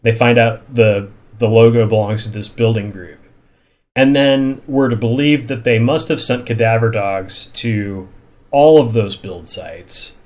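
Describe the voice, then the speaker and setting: A man's voice: lowish voice, darkish tone. A man recapping a TV episode in casual chat, incredulous and given to long run-on stretches of plot. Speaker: podcast host recapping a TV episode.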